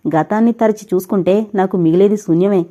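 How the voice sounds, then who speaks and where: A woman's voice: medium pitch, brisk, dark tone, close to an everyday voice. A woman voicing an anguished, heartbroken man who drinks, in an audio novel, speaking in a pained, brusque way. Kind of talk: audiobook character reading.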